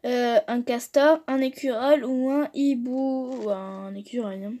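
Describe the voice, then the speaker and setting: Soft-voiced young woman chatting casually. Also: on the high side. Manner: chatty, reads aloud and jokes, trails off into mumbles. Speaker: vlogger. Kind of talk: casual vlog commentary.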